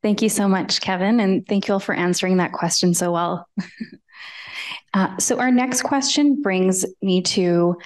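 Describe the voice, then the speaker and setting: Woman moderating a panel in a lecture hall. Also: fairly low pitch. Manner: friendly, with fillers and restarts. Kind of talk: moderating a live alumni panel. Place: large university lecture hall.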